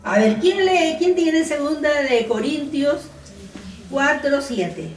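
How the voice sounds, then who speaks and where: A woman's voice: sits high, expressive, takes it slowly, a little hiss or hum. An older woman preaching a sermon in a church, often calling her listeners brothers and laughing between points. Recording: echoey church room, voice from the mic's distance.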